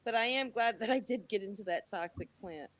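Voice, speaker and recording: Bright-voiced woman about to turn fifty. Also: mid-range voice, brisk. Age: 40s. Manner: open and talkative, warm sign-off with blessings. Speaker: guest caller. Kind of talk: casual chat.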